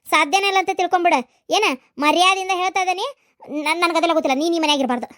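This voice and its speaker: A woman with a North Karnataka Kannada accent voicing a fierce, scolding middle-aged mother-in-law in a cartoon, in a shrill, harsh manner. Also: rapid-fire. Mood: accusing. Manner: harsh, accusing, loud scolding. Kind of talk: cartoon voice acting.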